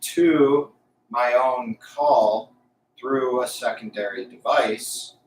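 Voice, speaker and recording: Echoey, distant, slow-talking man on Bluetooth mic. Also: medium pitch, slight background noise. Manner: halting, thinking aloud. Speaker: live streamer. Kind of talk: casual unscripted talk while testing stream audio. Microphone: Bluetooth lapel mic.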